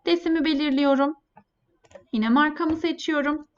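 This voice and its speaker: A woman presenting a scripted step-by-step software tutorial in a polite, formal customer service manner. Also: sits high, steady tone, normal speed. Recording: dull, lo-fi voice-over.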